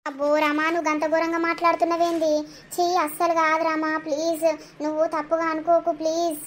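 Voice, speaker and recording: High, even-toned cartoon widow w/ telangana accent, timid and pleading. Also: female voice, fast, slight background noise. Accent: Telangana Telugu. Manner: pleading, apologetic. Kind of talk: animated village comedy voice acting.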